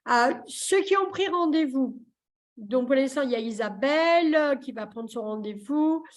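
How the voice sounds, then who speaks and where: A woman's voice: high voice, animated, moderate pace. A woman therapist hosting a live video session in a chatty, joking way, with many fillers. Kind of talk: casual live chat. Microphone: computer mic on a video call.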